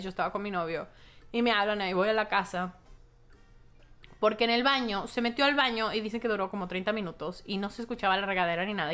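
Animated young Mexican woman telling gossip. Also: a little high. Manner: animated gossipy storytelling with slang and swearing. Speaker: vlogger. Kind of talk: casual storytime chat.

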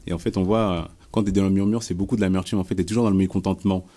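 Man from France, low and mellow voice, loose conversational preaching with many restarts. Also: fairly even intonation, very fast. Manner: conversational, repeats words and restarts often. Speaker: Bible study leader. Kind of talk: informal preaching and testimony.

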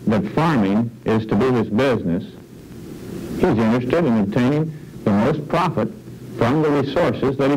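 A middle-aged man presenting an educational film on farm management, explaining in a measured way and posing questions, seated in an office. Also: medium pitch, background noise. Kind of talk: scripted educational narration.

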